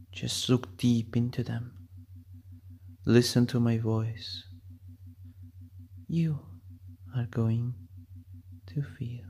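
Gravelly, slow-murmuring hypnotist man. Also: medium pitch, mellow. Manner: slow commanding hypnotic murmur, often whispering; repetitive chanting commands. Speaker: hypnosis roleplay performer. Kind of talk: ASMR hypnosis roleplay.

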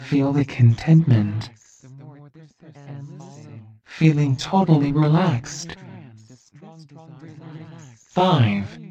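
A speaker guiding a hypnosis meditation with slow, soothing, repetitive instructions. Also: medium pitch, mellow, recorded from a distance, muffled recording.

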